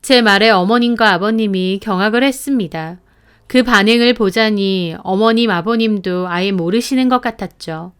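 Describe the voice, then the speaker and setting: Clear-voiced woman reading a story. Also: normal speed. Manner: reads every role herself, sliding into a low somber hush for the sad narration. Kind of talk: dramatized first-person story narration.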